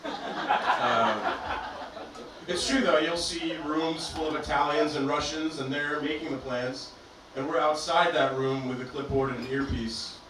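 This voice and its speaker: A man's voice: a little high, unhurried, fairly bright tone, slight background noise. Male stand-up comic from Albania, dry self-deprecating delivery, far from the mic in a reverberant club. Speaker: stand-up comedian. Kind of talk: stand-up comedy set. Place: comedy club stage, performing to a live audience.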